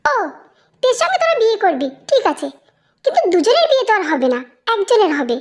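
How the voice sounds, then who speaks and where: A performer voicing a bossy middle-aged mother who gives brisk orders in a fan audio drama. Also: extremely high pitch, huge pitch swings, full character voice. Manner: brisk, commanding.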